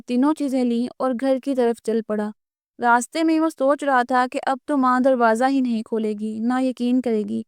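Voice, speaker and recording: Brief: woman storyteller for a kids' cartoon, even scripted narration, higher smooth voice. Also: no echo, clean studio sound.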